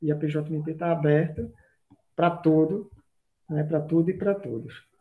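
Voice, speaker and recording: A man giving a lecture in an online class, speaking haltingly, repeating words and using frequent fillers. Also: fairly high pitch, steady tone, phone-quality sound. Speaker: guest lecturer.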